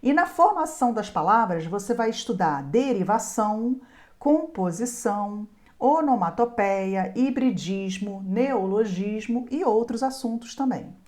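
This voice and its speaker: A woman teacher walks viewers through a grammar lesson. She speaks clearly and deliberately. She slows right down to spell out each example word. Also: fairly high pitch, animated, a little mellow. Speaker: Portuguese teacher.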